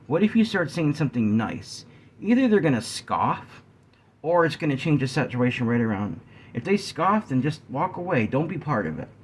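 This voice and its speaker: A man vlogging a sincere talk to his viewers, often clearing his throat and slowing down to stress key points. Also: medium pitch, a little hiss or hum. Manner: earnest, addresses viewers as guys; frequent throat clearing, yawning. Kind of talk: talking-head discussion to viewers.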